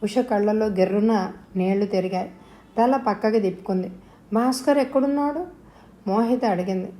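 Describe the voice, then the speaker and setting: A woman's voice: medium pitch, steady tone, fairly quick, dark tone. A woman narrating an audio novel, voicing the dialogue with feeling. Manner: voices dialogue with rising emotion.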